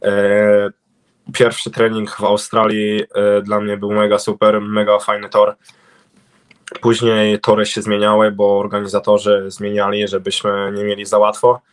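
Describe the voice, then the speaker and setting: A young Polish speedway cycling rider answers interview questions on a video call from a room at home, picked up by his webcam. He's hesitant, full of fillers and restarts, and his lowish voice is monotone and a little slow.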